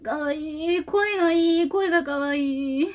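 A woman YouTuber giving casual fan reaction commentary on a music video, gushing and excitable, talking half to herself. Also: sits high, normal speed.

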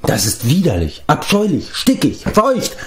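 A man's voice: medium pitch, expressive, moderate pace, a little mellow, a little hiss or hum, pitched above the performer's own voice, close to an everyday voice. Man putting on a whiny wailing giant. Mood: self-pitying. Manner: plaintive, wailing complaints. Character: whiny self-pitying male giant. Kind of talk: audiobook character reading.

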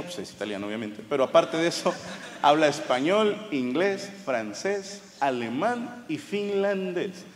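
A man's voice: on the high side, a little hiss or hum. A Mexican man with a Mexican Spanish accent telling crude, swear-filled stand-up stories on stage before a laughing audience. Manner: crude, swearing, animated storytelling. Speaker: stand-up comedian. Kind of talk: stand-up comedy set. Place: large theater stage. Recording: live show in a big reverberant hall.

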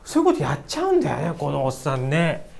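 Male history teacher, casual lecture, very lively intonation, quick jokes and blunt asides. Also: on the high side, gravelly. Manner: animated, joking, blunt asides.

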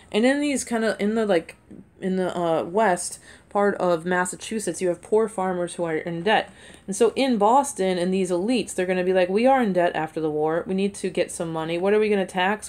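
A woman's voice: fairly low pitch, a little mellow. A woman giving a conversational history lecture as a teacher, often checking in with "right?" and "you know".

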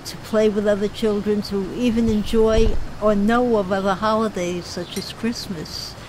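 A woman's voice: medium pitch, fairly even intonation, moderate pace, a little mellow. Older woman reminiscing, noisy street. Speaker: interviewee. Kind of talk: documentary interview.

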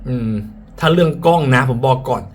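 A tech reviewer talks through a face mask, so his on-the-high-side voice comes out slightly muffled and brisk. His product review is frank and casual, and he often repeats his points. Background ambient noise is clearly audible.

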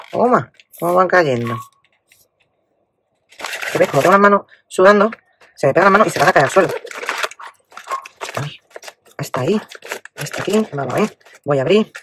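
A woman with a Spain Spanish accent chatting casually as she unboxes a craft parcel, exclaiming and often dropping to a hushed murmur. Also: sits low, noisy background. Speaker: craft vlogger.

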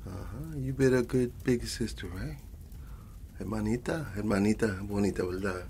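In an ASMR roleplay, a man plays a doting old grandfather with a Latin American Spanish accent, softly telling a bedtime story with tenderness. He rambles, repeats endearments, and shifts between Spanish and English. His gravelly voice is on the low side at normal speed, with a little hiss or hum in the recording.

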